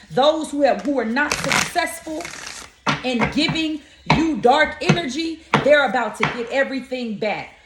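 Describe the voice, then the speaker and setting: A woman's voice: high voice, very noisy. A young woman from Florida, an oracle card reader talking straight to her viewers, indignant and scolding, calling them y'all and honey. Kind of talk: spiritual video monologue. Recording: echoey room.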